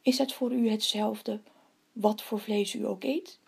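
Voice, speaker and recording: Woman reading as a breathy, devout male hare. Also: medium pitch, fairly even intonation, measured pace, darkish tone, exaggerated voice.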